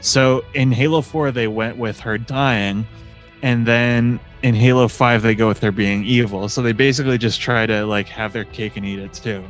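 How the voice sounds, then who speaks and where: A man on a podcast, talking in a chatty, critical way at a middling pitch, with quick asides. His voice is recorded on a podcast mic, and faint music plays behind him. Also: steady tone. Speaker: podcast co-host. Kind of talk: casual chat.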